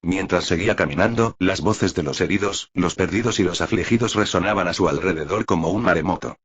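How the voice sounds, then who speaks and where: A man narrating an audiobook in an even, dramatic storytelling manner. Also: low voice, a little fast, breathy edge.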